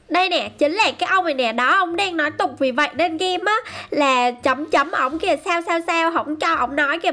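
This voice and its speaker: A woman giving excited, chatty game commentary to her viewers. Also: very high voice. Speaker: gaming YouTuber.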